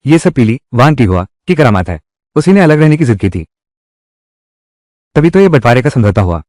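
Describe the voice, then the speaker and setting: A man's voice: medium pitch, big pitch swings, normal speed, darkish tone, dry recording, studio quality, lightly acted. A man voicing heated, scolding family quarrels in dubbed drama dialogue. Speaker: voice actor dubbing a village family drama.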